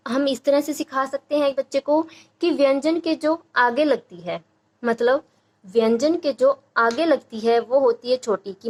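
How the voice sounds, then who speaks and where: A young woman teacher explaining a phonics lesson to parents, sounding out letters and syllables slowly one by one. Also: high-pitched. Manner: slow, drawn-out syllable-by-syllable sounding out.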